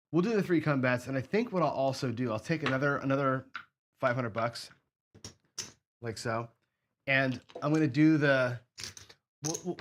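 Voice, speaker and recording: This craps show host chats loosely while working through his chips and wagers, thinking out loud as he plays along. His mid-range voice is hoarse and sniffly, and the recording carries a faint hiss or hum.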